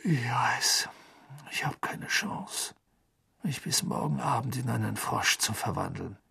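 A man's voice: fairly low pitch, a little fast, darkish tone, husky, no echo. A man voicing a tired, glum teenage wizard boy who speaks in a weary, subdued way for an audiobook.

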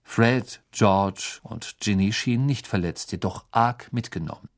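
A man narrating a storybook in a measured, expressive reading. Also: on the low side. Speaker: audiobook narrator.

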